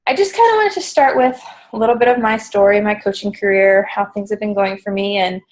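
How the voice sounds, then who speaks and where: A woman's voice: medium pitch, fairly quick, low-quality recording. A pregnant woman in her thirties, a little out of breath, talking casually with many ums as she leads a pre-recorded team coaching call from home. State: slightly out of breath.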